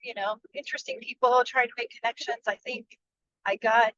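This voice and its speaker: A woman's voice: a little high, fairly quick, a bit bright. A woman filmmaker chatting on a video call over her car speakerphone while driving on the freeway, chatty and rambling. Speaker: filmmaker and producer. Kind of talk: casual video-call chat. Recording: dull lo-fi speakerphone line from a moving car.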